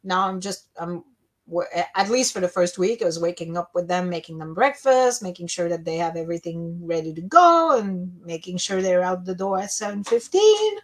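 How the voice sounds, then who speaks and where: A woman's voice: lowish voice, animated, brisk. Tired woman chatting casually. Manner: rambling, with many restarts and fillers. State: tired and yawning. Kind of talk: casual chat.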